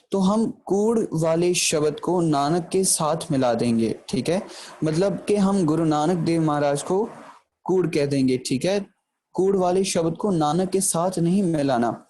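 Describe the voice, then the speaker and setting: Patient man teaching, mellow raised voice. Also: a little high, slight background noise. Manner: patient, often checks in with the listener; recites verse lines slowly for emphasis. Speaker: Gurbani grammar teacher. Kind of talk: explanatory lecture.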